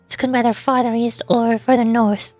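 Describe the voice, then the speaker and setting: On the high side but darkish in tone, a woman speaks fairly quickly with a flat delivery and no room sound. She's a streamer and VTuber chatting casually with viewers over background music, thinking aloud hesitantly, stammering on repeated words, and putting herself down somewhat.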